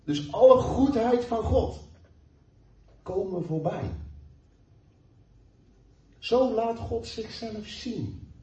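Male preacher, lively and emphatic, heard from a distance in a dull, echoey church hall. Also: high voice. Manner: emphatic, swings from slow stressed phrases to quick asides. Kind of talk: sermon.

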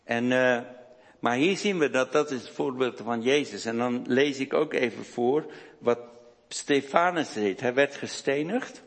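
A man delivers a sermon at an average pitch, taking his time, pausing and restarting as he searches for words. His voice carries a long reverb from a large hall. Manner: slow, deliberate delivery with hesitations and restarts. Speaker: preacher.

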